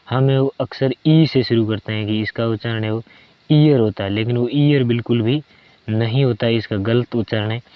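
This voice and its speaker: Hindi-speaking man teaching grammar slowly. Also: fairly low pitch, smooth, no room sound. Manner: slow and deliberate, drawn-out example words. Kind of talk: explaining a grammar lesson. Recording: dry, dull lo-fi sound.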